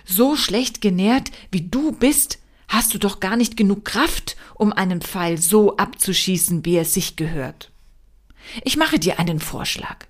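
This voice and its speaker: A woman's voice: mid-range voice, a little slow, lightly acted. A woman voicing a boastful, greedy rich man in a read-aloud folk tale, talking down to a poor farmer. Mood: condescending. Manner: condescending, scheming.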